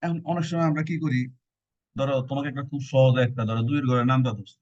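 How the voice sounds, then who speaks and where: A man's voice: mid-range voice, fast, darkish tone, dry recording. A male teacher gives a casual exam-prep lecture, explaining with joking memory tricks and colloquial asides. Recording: dull, dry lo-fi recording.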